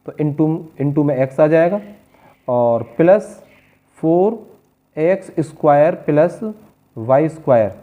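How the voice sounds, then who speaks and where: Male maths tutor, fairly high voice, patient and coaxing, phone-quality sound. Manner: patient, coaxing, calls students "beta" and "bachche". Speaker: maths teacher. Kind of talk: board-exam maths lesson. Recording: tinny phone-like lo-fi audio.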